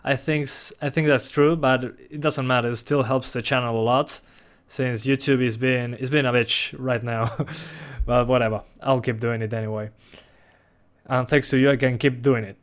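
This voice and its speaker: On a live stream, a young man from Uruguay reads chat questions aloud and answers them in a relaxed way, chuckling frequently. He is a native Spanish speaker with a Rioplatense accent, and his mid-range voice moves at normal speed.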